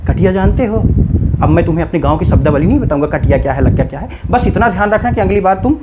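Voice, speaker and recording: Male teacher, lively swooping intonation, animated explanation, playful mock scolding. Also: high voice, racing, lo-fi sound, heavy background noise. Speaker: English teacher. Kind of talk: explaining grammar in a video lesson.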